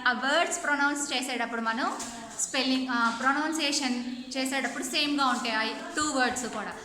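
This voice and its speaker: A woman teacher with a Telugu accent giving an online English lesson to children, speaking slow, careful English and quicker explanations in between, sometimes spelling words out letter by letter. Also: high-pitched, reverberant, crowd noise.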